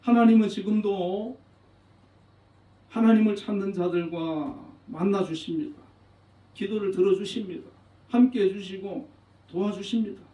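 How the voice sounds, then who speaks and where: A man's voice: high-pitched, a little slow, long pauses, mellow. A man pastor delivering an earnest, emphatic sermon, repeating phrases for weight. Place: church sanctuary. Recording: roomy, distant, dull church recording.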